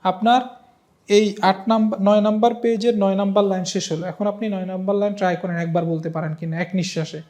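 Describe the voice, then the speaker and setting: A man's voice: high-pitched, steady tone, quick pace, a little mellow. A middle-aged man teaching an online Quran reading lesson, patiently spelling out letters one by one and coaxing students to repeat after him.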